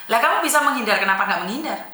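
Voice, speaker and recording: A woman's voice: on the high side, expressive, racing, bright, forceful tone, reverberant. Blunt scolding woman host. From Indonesia. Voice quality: scolding, firm, mixes in Javanese words. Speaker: advice host. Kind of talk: blunt call-in advice.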